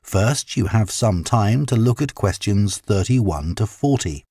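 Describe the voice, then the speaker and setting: A man reads exam instructions slowly and formally. His voice is low and husky, and his pitch moves up and down a lot. The recording is dry, with no room echo. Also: lively intonation, mellow. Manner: formal, deliberate reading.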